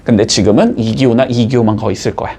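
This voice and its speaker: A man's voice: medium pitch, steady tone, quick pace, warm tone. A man teaching a math lesson in a classroom style, explaining step by step and constantly checking in with his students through short questions.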